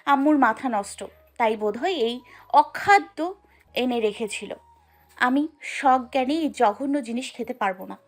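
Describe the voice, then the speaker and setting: Casual: girl doing a shy sulky young wife, high voice, light music behind. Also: expressive, unhurried. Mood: pouting. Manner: protesting, shy, pouting. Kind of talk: audio drama acting.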